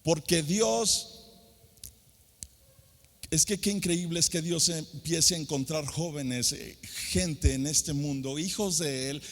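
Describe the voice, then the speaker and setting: A man's voice: fairly high pitch, slow pace. A middle-aged man from San Luis Potosí with a Mexican accent, a pastor preaching a sermon to young people with sung emphasis and rhetorical questions. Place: large hall at a youth conference. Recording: long hall reverb.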